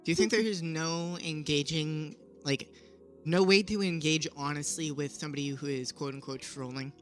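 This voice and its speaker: A speaker with a measured, thoughtful manner, hedging claims and posing questions to steer the discussion. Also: mid-range voice, fairly even intonation. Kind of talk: casual discussion. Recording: faint music behind.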